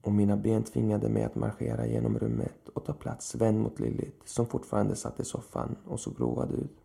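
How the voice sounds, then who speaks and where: A man narrating a horror story in a slow, measured way. His voice is low and heavily gravelly, with a dark, muffled tone that suits the dread of the tale. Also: little pitch movement.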